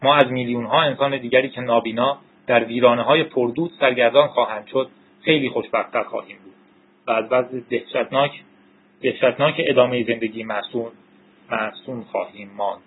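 Brief: man reading a detached older scientist, husky and calm, phone-like audio. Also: medium pitch, close to an everyday voice. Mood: fatalistic. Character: older male scientist, cold and fatalistic. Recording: tinny narrow-band recording.

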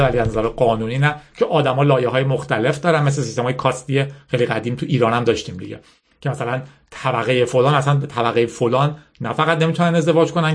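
A man reading a novel aloud, stopping now and then for casual explanatory asides. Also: mid-range voice. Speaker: reader.

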